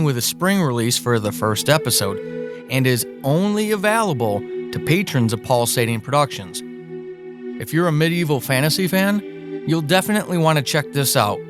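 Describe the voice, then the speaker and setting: A podcast host with a slightly high, lively voice speaks at a moderate pace, encouraging his listeners directly. The clip mixes conversational interview with promotional narration over background music.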